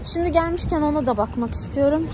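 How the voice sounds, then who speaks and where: A young adult woman casually narrating her shopping trip in a low-key way into a handheld phone. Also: fast. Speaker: vlogger. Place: shops and streets at night. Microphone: phone held at arm's length. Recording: noisy handheld phone recording, shop and street ambience.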